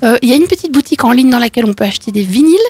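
Woman, fairly high voice, dry studio sound, hesitant, restarts often. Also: animated, racing, darkish tone, husky, no room sound. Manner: hesitant, many restarts, laughs easily. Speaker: singer guest. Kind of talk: radio interview. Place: radio studio. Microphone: studio microphone.

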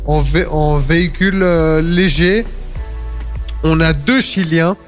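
A man's voice: a little high, takes it slowly, soft background music. A man co-hosting a radio show, reading race results hesitantly with many fillers. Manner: hesitant, many fillers, stumbling over names. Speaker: radio co-host.

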